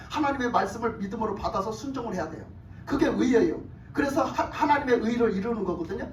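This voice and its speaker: A woman pastor preaching a sermon, emphatic and animated, putting questions to the congregation and often laughing. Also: a little high, a little hiss or hum. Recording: echoey hall from far off.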